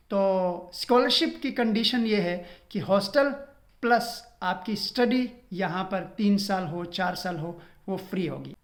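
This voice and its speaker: A young man from Pakistan, vlogging and earnestly advising students, dropping English phrases into his talk. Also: sits high. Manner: earnest advice, code-switching with English phrases. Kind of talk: casual informational vlog.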